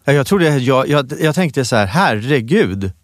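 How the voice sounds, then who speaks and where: A man's voice: mid-range voice, no echo, clean studio sound. A man co-hosting a podcast, playful and teasing in casual chat. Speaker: podcast co-host.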